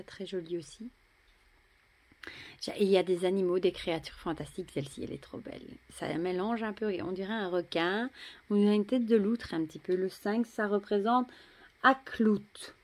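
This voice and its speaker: A French woman casually showing and admiring tarot cards, chatty, often dropping to a soft murmur. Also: mid-range voice. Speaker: tarot deck reviewer. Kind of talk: casual show-and-tell.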